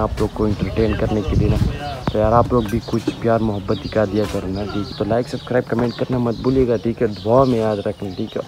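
A young man in his twenties chatting casually to his viewers while he gives a tour of a house and yard. He keeps tagging "na" onto his sentences as he points things out. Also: lowish voice. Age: 20s. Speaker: vlogger. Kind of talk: casual home-tour vlog. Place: outdoors on a rooftop and a village yard. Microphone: phone held at arm's length. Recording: outdoor background noise with birds.

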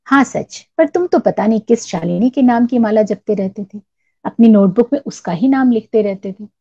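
A woman voicing a wistful young bride-to-be in a storybook reading, in a soft, reproachful manner. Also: medium pitch, expressive, fairly quick, husky, dry recording. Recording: dull lo-fi recording.

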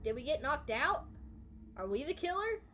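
A woman's voice: high voice, sing-song, moderate pace, noisy background. A woman streamer chatting casually and thinking aloud as she plays a video game, often poking fun at her own skill. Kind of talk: casual gameplay commentary.

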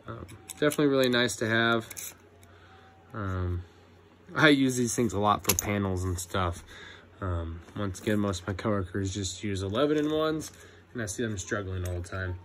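A young man walks through his tool bag in a loose, unhurried way, his voice sitting a little low. He fills gaps with ums and swears without thinking about it. A faint background noise runs under the recording. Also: a bit bright. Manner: laid-back, swears a lot, many ums. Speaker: electrician apprentice. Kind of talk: casual tool review vlog.

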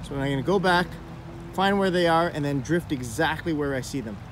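A man's voice: on the high side, fairly quick, a little hiss or hum. A man in his thirties hosting a fishing vlog, explaining a technique to the camera outdoors by a wooded creek. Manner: upbeat, explanatory, talking to camera while walking. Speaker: fishing vlogger host. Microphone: phone or camera at arm's length.

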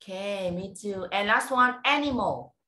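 A woman teaching English over a video call, giving a speaking test and prompting slowly and clearly with encouragement. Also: mid-range voice, bright, forceful tone. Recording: roomy echo.

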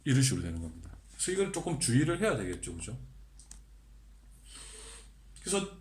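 A man teaching a beginner English grammar lesson, explaining slowly, asking the viewer questions and drilling example sentences in a deliberate voice. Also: medium pitch, sing-song, darkish tone, reverberant, slight background noise.

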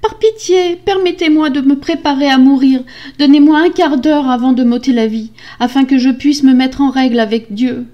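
A woman voicing a frightened young wife in a storybook reading, high, stammering and pleading. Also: very animated, moderate pace, hardly any pauses, muffled recording.

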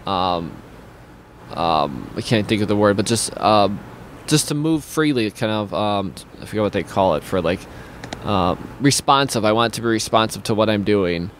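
A young adult man hosts a casual streaming talk show from a small home studio, using a studio mic with headphones, and rambles through many restarts while reading viewer comments in a video-call-style chat. His voice is on the low side and expressive, at normal speed, with a little hiss or hum.

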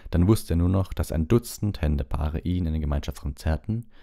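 A man reading a storybook aloud as an audiobook, in a calm, measured storytelling manner with small slips. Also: extremely low pitch. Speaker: audiobook reader.

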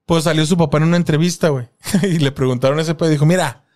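A man's voice: on the high side, steady tone, rapid-fire, a little mellow. Young Mexican man, crude podcast banter. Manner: crude slang-heavy banter. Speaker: podcast co-host. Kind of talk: casual chat.

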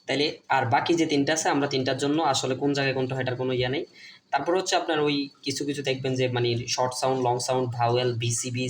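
A man's voice: medium pitch, slight background noise. A man teaching children's English reading in a casual online lesson, repeating letter sounds one by one. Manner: repeats sounds slowly, drilling pronunciations.

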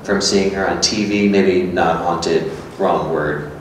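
A performer with a low voice takes his lines slowly and with fairly even intonation while reading a scripted literary dialogue for two, cast as a matter-of-fact, contemplative figure. The recording is distant and echoey, made on a stand microphone in a hard-walled gallery room, with faint noise.

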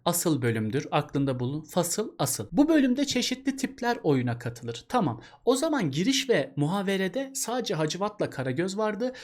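A man's voice: a little high, darkish tone. A man teaching an exam-prep literature lesson in a chatty way, asking rhetorical questions and addressing the student as a buddy.

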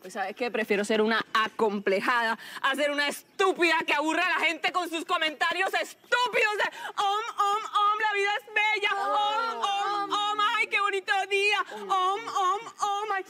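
An actress playing a vain, catty office worker with a Colombian accent, mocking and insulting. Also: female voice, very high voice, fairly even intonation, moderate pace, few pauses, noisy background. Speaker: bank employee. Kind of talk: comedy film acting.

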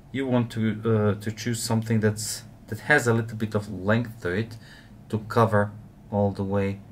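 Low-voiced man explaining fly tying. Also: a little hiss or hum. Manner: relaxed, explanatory, frequent uh fillers. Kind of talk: step-by-step tutorial narration.

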